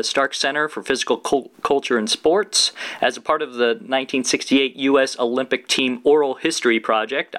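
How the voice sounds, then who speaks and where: A man's voice: mid-range voice, a bit bright. A young man, a graduate student, interviewing for an oral history project, friendly and affirming, stumbling through his questions.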